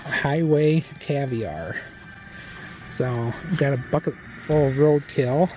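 Slow-talking man narrating a night walk. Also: mid-range voice, over music. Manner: chatty, reads signs aloud with dry jokes. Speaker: vlog host. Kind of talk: casual walkthrough narration. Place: outdoors at night at a haunted farm attraction.

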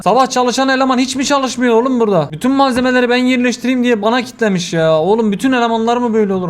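A young man hosting a casual let's-play video, joking and exasperated as he talks to himself. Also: sits high. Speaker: gaming video host.

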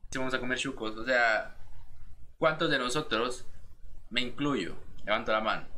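A man's voice: medium pitch, moderate pace, sharp tone, slight background noise. A young man with a Guatemalan accent, casually commenting on a video, rambling and interrupting himself and mimicking phrases in exaggerated voices. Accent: Guatemalan Spanish. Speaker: reaction video host.

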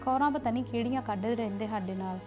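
An actress playing a woman hushing a family quarrel in a drama. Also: fairly high pitch, fast talker, dull audio, over music, close to an everyday voice. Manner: hushing, urging calm.

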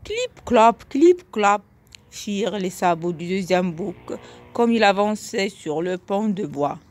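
A woman narrating a children's tale as a storyteller, slow and expressive. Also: lowish voice, faint music behind.

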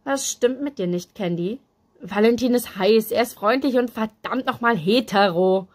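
A woman voicing a cheerful, teasing young male fashion designer in a lively, brisk, raised voice. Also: a little high, natural voice.

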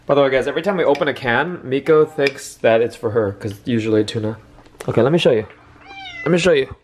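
A young man with a voice of ordinary pitch, talking playfully and chattily to his camera at home. He narrates everything going on around him in a loose, running commentary, with faint noise in the background of his camera recording. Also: fast talker. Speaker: vlogger. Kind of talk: casual home vlog. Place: home kitchen.

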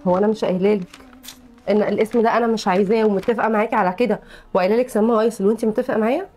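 A woman's voice: medium pitch, fairly even intonation, very fast, a little mellow, natural voice. A woman playing an insistent young Egyptian wife in a comedic family skit, with an Egyptian accent and an indignant, complaining way of talking. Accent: Egyptian Arabic. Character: young Egyptian wife, insistent about her baby's name.

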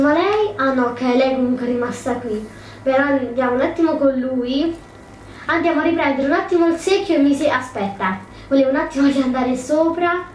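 A woman casually commentating her gameplay, thinking aloud, hesitant and correcting herself often. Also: sits high. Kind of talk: casual let's play commentary. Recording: roomy, distant mic, faint noise.

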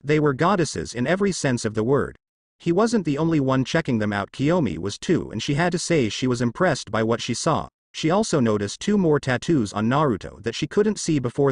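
A man reading fan fiction aloud, describing scenes in detail. His pitch rises and falls in a lively way, in the middle range for a man. The recording is dry and close to the mic. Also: dry recording. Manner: descriptive, storytelling. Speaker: narrator.

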